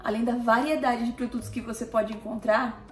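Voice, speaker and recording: A woman's voice: a little high, steady tone, fairly quick. Chatty Brazilian woman in a roomy space. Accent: Brazilian Portuguese. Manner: chatty, keeps addressing viewers with tag questions. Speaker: family vlogger. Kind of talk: casual talk to camera. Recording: roomy echo with faint music.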